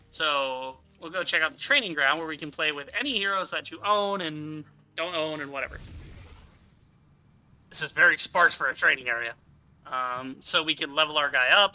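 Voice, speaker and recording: Bright, forceful male game streamer. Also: fairly high pitch, clean tone. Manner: rambling, thinking aloud; casually profane. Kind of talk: casual first-impressions game commentary.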